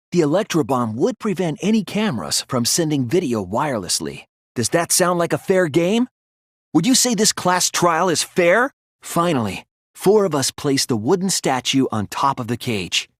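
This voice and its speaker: In this English video game voice acting, an earnest, soft-spoken teenage boy detective works through a murder case in a deductive monologue, sounding insistent and troubled. His breathy, soft-edged voice sits at medium pitch and rises and falls in a sing-song way as he reasons deliberately and analytically with dramatic emphasis. The recording is very dry.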